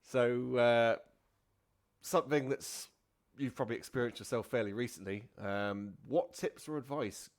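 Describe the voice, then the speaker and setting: A man's voice: mid-range voice, unhurried. A man hosting a casual tabletop gaming podcast as the dungeon master, rambling with many fillers and restarts.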